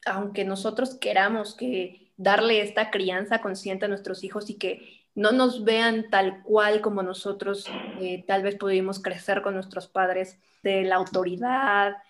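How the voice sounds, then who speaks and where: Woman asking a halting question. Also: medium pitch, little pitch movement. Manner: hesitant, rephrasing as she asks. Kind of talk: interview question.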